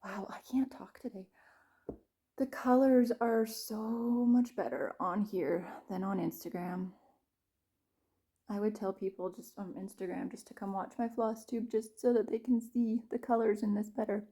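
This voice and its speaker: A woman's voice: medium pitch, normal speed, mellow. A woman showing her stitching projects in a casual chat, rambling and correcting herself, laughing at herself and sometimes dropping to a whisper. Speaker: cross-stitch vlogger. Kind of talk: casual show-and-tell.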